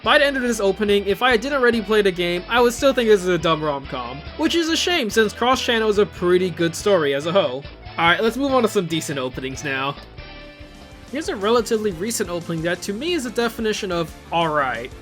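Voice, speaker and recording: Upbeat music from the reviewed videos plays under this host's quick, sing-song delivery. His voice sits high with a fairly bright tone, and he reviews in a casual, opinionated, conversational way, frequently asking rhetorical questions.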